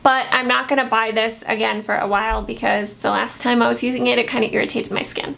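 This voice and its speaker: Chatty woman vlogger with a higher voice. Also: gravelly, a bit bright. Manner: chatty, hesitant, many fillers and restarts. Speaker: beauty vlogger. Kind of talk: casual product review.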